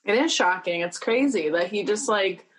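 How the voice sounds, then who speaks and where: A woman co-hosting a podcast, chatting casually, agreeing quickly and laughing easily. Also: mid-range voice. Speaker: podcast co-host. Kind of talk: casual chat.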